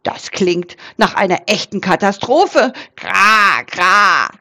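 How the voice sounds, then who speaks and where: A woman voicing an agitated male raven in a children's story, who croaks "kra, kra" after nearly every sentence. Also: medium pitch, animated, takes it slowly, bright, forceful tone, heavily acted. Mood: alarmed. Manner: agitated and dramatic.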